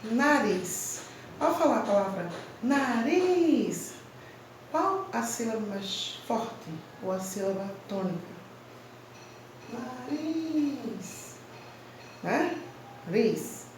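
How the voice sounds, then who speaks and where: A woman teacher walks young pupils through a grammar lesson, speaking slowly and leaning hard on each stressed syllable. Her voice sits some way from the mic in a strongly echoing room, with a faint hum of ambience behind it. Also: medium pitch, a little mellow, distant mic. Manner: slow, clear, emphatic teacherly delivery, stressing syllables. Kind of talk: online Portuguese grammar lesson for children.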